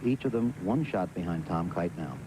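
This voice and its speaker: An American man giving live golf commentary as lead television announcer, in a measured, formal way with pauses. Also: sits low, lively intonation. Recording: noisy outdoor broadcast, vehicle and ambient sound.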